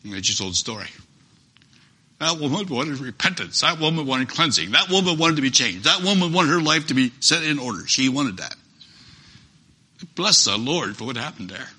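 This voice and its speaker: A man's voice: on the high side, expressive, moderate pace, sharp tone, slightly rough. A man preaching a sermon, earnest and emphatic, repeating phrases for stress.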